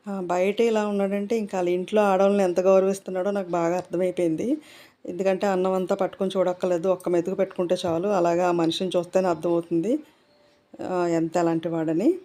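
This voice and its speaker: Middle-aged woman, casual home vlogger, rambling chat, mellow voice. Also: on the low side. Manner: talkative, rambling, many fillers.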